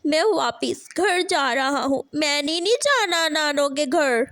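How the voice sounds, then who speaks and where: A woman's voice: sits high, animated, takes it slowly, a bit bright, no room sound, clean studio sound, exaggerated voice. A woman voicing a lazy, greedy little boy crow who whines and begs for food in a cartoon. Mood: whiny. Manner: whining, begging for food.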